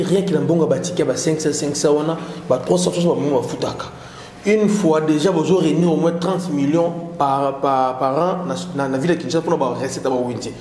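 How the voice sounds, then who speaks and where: Mellow male host. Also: on the high side, roomy sound, long reverb tail, a little hiss or hum. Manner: interjecting, mixes French and Lingala. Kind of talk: political talk show discussion.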